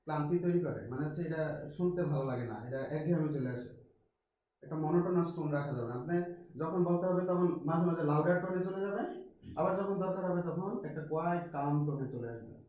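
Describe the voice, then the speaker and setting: A man with a Bangladeshi accent and a slightly high voice lectures a class, switching between Bengali and English and stopping to quiz his students. His voice rings through a very echoey classroom with a faint noise behind it. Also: quick pace, far from the mic, dull audio. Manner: mixes Bengali with English, asks students questions, frequent restarts. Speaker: English teacher.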